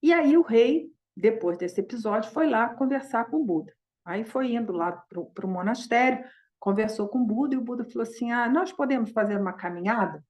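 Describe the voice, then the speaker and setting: A woman's voice: on the high side, animated, normal speed, darkish tone. A woman, a Buddhist teacher, tells a teaching story in an informal, loose style with many fillers. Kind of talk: storytelling dharma talk.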